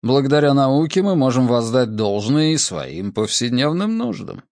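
A man's voice: medium pitch, sing-song, normal speed, a little mellow, no echo. A man voicing a good-natured doctor hosting guests. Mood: genial. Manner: genial, hospitable.

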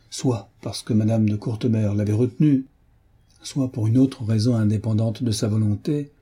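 Guy reading an old novel out loud, super husky and dark, takes his time. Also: medium pitch. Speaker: audiobook narrator. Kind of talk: scripted narration of a novel.

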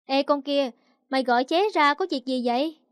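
A woman storyteller puts on a cheeky teenage boy, playful and teasing, who jokes around with his friend. The voice jumps up high and lively, on a dry, close recording. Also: normal speed, no echo, lightly acted.

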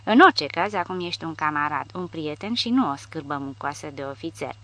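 A woman's voice: low-pitched, animated, a bit bright. A woman voicing a crude, sly soldier. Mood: teasing.

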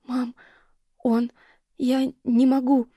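Brief: woman reading a frantic teen girl, higher and breathy, husky tone, dry audiobook. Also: flat delivery, drawn-out words, warm tone, dry recording, heavily acted. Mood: distraught. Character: frantic teenage girl in shock.

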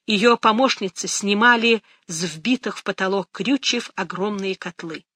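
A narrator reading a novel aloud in a measured, dramatic audiobook style, recorded close to the mic. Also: medium pitch, sharp tone, slightly rough, no echo.

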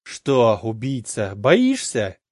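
A man's voice: mid-range voice, wildly swooping pitch, takes it slowly, a little mellow, no echo, clean studio sound, heavily acted. Man voicing a defiant young rebel woman. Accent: Slavic-planet accent. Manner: scornful, defiant.

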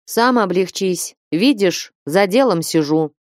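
A woman voicing a gruff old male church watchman, a retired soldier who speaks in a surly, blunt peasant manner. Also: lowish voice, lively intonation, takes it slowly, dry recording, clean studio sound.

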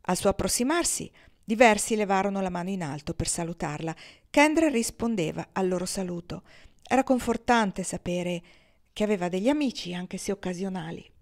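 Woman audiobook reader, mid voice, expressive storytelling. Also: medium pitch, moderate pace. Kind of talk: audiobook narration.

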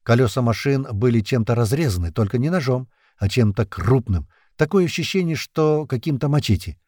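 A man narrating a first-person thriller audiobook in an expressive, tense way. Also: mid-range voice, brisk, no echo, studio quality.

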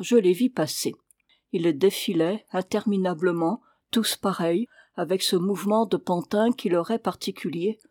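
A woman narrating a classic short story as an audiobook, in a measured, steady storytelling manner. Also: mid-range voice, no room sound, clean studio sound.

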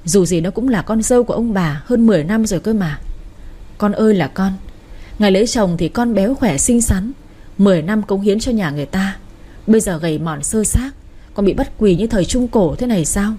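A woman voicing an aging mother who laments loudly and fast while defending her daughter. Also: mid-range voice, animated, breathy edge. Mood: tearful outrage.

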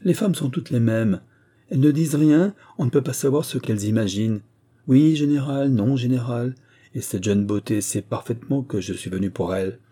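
A man's voice: medium pitch, moderate pace, dark tone, voice pushed up, natural voice. A man voicing a self-assured older general grumbling wryly to himself. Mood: annoyed. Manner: grumbling, wry inner monologue.

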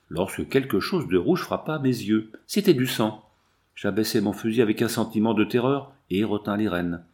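A man narrating an adventure novel in the first person, with a measured, dramatic reading. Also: on the low side, a little mellow. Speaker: audiobook narrator. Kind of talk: scripted narration.

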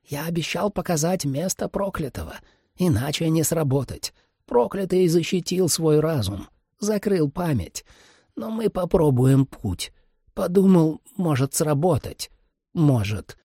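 A man voicing an old male ghost mentor who speaks in broken grammar, with a gravelly, husky voice. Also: on the high side, lively intonation, measured pace, dark tone, dry recording, studio quality, voice pushed up, full character voice. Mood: urgent. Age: older. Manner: broken grammar, foreign-sounding, quavering.

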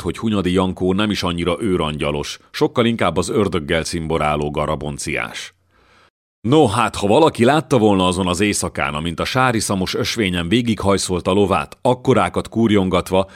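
A man reading a historical novel aloud as an audiobook narrator, in measured storytelling style. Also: deep voice. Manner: measured storytelling, lifting his voice for shouted orders.

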